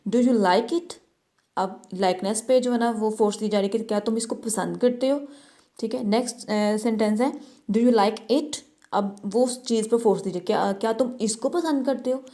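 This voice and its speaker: A woman's voice: medium pitch, warm tone. A woman with a Pakistani accent teaching a textbook exercise. She reads each English word aloud and then explains it in Urdu-Hindi.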